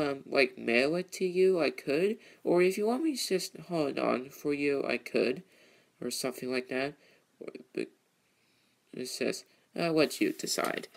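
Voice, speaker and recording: A man hosting a casual, rambling vlog, halting and repeating his phrases as he goes. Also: a little high, vocal fry. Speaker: video host, toy train hobbyist.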